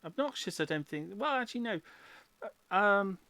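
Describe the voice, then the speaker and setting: A woman's voice: medium pitch, animated, moderate pace, crowd noise. A woman running a tabletop game as game master, casually narrating and explaining rules.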